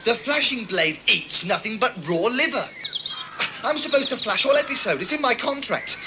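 An excitable, vain TV adventure hero, pitched high and swooping about. He is theatrical and silly, in the manner of a comedy dub. The old TV soundtrack is noisy. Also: normal speed. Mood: indignant.

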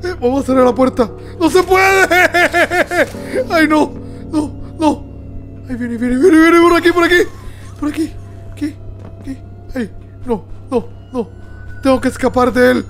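High-voiced excitable man gaming. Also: measured pace, long pauses. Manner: excitable, talks to viewers, yelps and laughs at scares. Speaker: gamer. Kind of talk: let's-play commentary. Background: game music.

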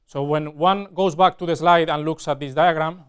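A man in his forties giving a technical university lecture, explaining step by step with frequent pauses mid-phrase. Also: fairly high pitch, steady tone, clear, resonant tone. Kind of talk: technical lecture at a whiteboard with slides. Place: indoor classroom or studio with whiteboard.

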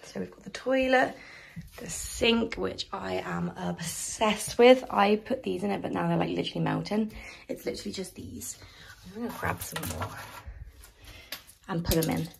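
A woman's voice: lowish voice, normal speed, vocal fry, slight background noise. A young woman chatting casually and rambling as she walks a camera through the rooms of her small house. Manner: chatty, rambling, filler-heavy. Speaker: vlogger. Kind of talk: casual house tour vlog. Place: small house indoors, moving between rooms.

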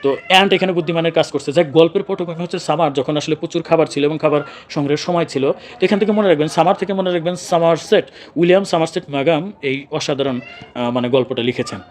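A man's voice: on the high side, fast. A young man teaching an exam-prep lesson. He explains each answer step by step, repeats key words and asks his own questions before answering them.

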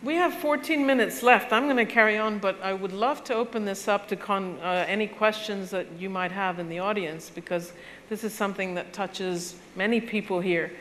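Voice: mid-range voice, moderate pace, a bit bright, a little hiss or hum. Engaged panel moderator. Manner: engaged, prompting questions. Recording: hall reverb with faint ambience.

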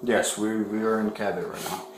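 A man, a police officer speaking calmly and firmly during an arrest. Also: fairly low pitch, moderate pace. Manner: calm, firm and repetitive. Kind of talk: arrest procedure. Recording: echoey room with background noise.

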